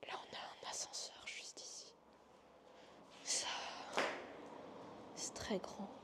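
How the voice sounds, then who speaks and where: A woman narrating an exploration vlog in a hushed whisper, in short halting fragments as she shows a place around. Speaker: urban exploration vlogger. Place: inside a large abandoned hotel.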